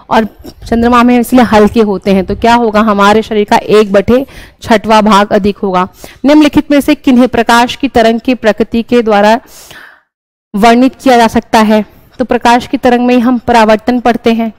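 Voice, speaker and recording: A woman's voice: a little high, a little mellow, dry recording, poor audio. A young woman teaching an exam-prep class, explaining each answer step by step and often checking in with her listeners. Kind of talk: exam-prep lesson, solving questions.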